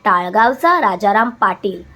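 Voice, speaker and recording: A woman's voice: mid-range voice, animated, unhurried, sharp tone. Woman voicing a pleading village father. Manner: humble, pleading.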